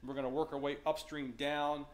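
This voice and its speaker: A man's voice: fairly high pitch, little pitch movement, a little fast. A middle-aged man with a Virginian accent gives an unscripted slide talk as a fisheries manager, with many fillers and restarts. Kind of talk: slide presentation lecture. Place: darkened meeting room with audience.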